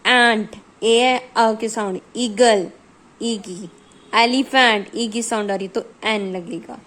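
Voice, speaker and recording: Woman teacher, unhurried, patient grammar explainer, slightly high pitch. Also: fairly bright tone. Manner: explains patiently, reads example sentences slowly. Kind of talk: grammar lesson.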